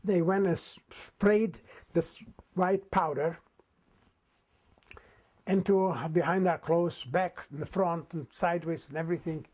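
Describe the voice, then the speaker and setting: A man in his eighties from Czechoslovakia, a non-native English speaker, telling his wartime memories in a vivid, unhurried way with dramatic pauses. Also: high voice, steady tone, darkish tone. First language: not English. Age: 80s. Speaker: interviewee recounting wartime memories. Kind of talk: oral history storytelling.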